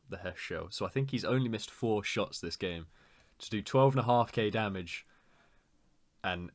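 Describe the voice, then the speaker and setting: A man giving excitable, stumbling commentary on a tank game replay. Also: low-pitched. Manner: excitable, laughing, stumbles over words.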